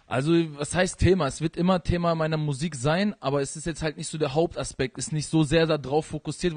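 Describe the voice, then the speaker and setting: A young man from Iran, born there and raised in this country, answers interview questions into a handheld mic. He rattles along quickly in loose run-on sentences full of fillers, with a slightly high voice. The sound is close and dry. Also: darkish tone, no echo. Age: young adult. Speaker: rapper being interviewed. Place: living room at home, indoors.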